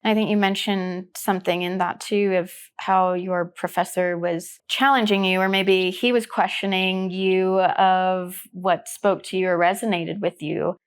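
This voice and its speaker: A woman hosting a podcast, asking a guest gentle, encouraging questions. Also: lowish voice, steady tone, unhurried, few pauses, clear, resonant tone. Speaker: podcast host. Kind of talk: interviewing.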